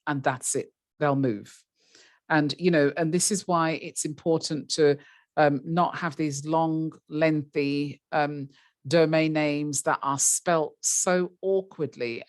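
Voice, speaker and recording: A woman's voice: deep voice, dry recording, clean studio sound. A woman teaching a beginner's webinar, talking chattily with many ums and you-knows. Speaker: webinar presenter. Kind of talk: webinar lesson.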